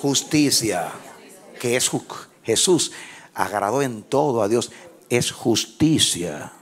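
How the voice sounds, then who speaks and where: A man preaching a sermon as pastor, who leads his congregation in call-and-response and rises into shouted, half-sung phrases. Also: medium pitch, animated, slow pace. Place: church with congregation.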